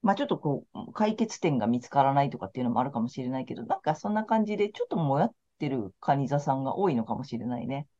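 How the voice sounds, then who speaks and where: A woman's voice: very deep voice, very animated, quick pace, few pauses, mellow. A woman tarot counselor in casual podcast chat, talking in a frank, laid-back, chatty way. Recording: slightly muffled lo-fi audio.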